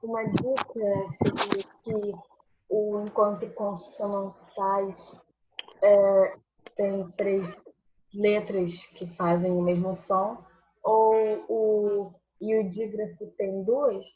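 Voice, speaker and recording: A woman's voice: mid-range voice, little pitch movement, very slow, dark tone, slight background noise. A female student asking her teacher a question during an online class. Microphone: video call. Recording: dull video call audio.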